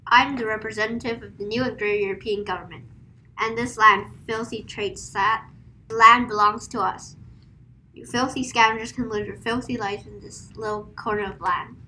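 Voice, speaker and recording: A woman's voice: medium pitch, fairly even intonation, normal speed, pushed and bright, natural voice. A woman playing a haughty, cruel government representative in an amateur historical skit, with pompous, scornful, theatrical villain menace. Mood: menacing contempt. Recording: noisy amateur recording.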